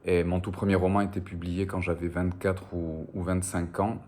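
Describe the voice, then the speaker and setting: A man with a low-sitting, slightly mellow voice speaks flatly at a normal speed. He is a novelist from the French Basque border whose native tongue is Spanish, and during the interview he reflects on his writing with hesitation, frequent fillers and repeated words.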